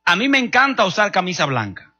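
A middle-aged man from the Dominican Republic preaches in a Dominican accent, his voice pitched high with a very sharp, forceful punch. A husky grain runs through his delivery. He tells humorous stories and speaks straight to his congregation. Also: very animated, fairly quick, faint music behind. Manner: humorous, storytelling, addressing the congregation directly. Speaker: pastor. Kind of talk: sermon.

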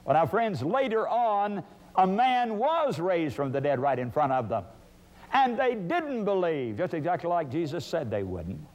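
A man's voice: high-pitched, big pitch swings, unhurried, muffled recording. A man preaching a sermon, emphatic, asking and answering his own questions.

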